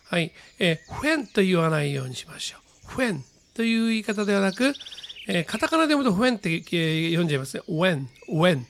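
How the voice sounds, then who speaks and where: A man teaching English pronunciation on a radio lesson, patiently repeating model phrases slowly with many fillers. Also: high voice, animated, creaky, fairly bright tone, a little hiss or hum.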